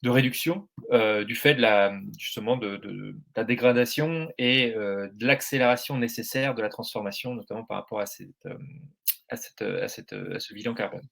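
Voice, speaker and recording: Hesitant French man with gravelly voice. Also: medium pitch, normal speed, a bit bright. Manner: hesitant, many fillers and restarts. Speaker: meetup speaker. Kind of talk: presentation talk.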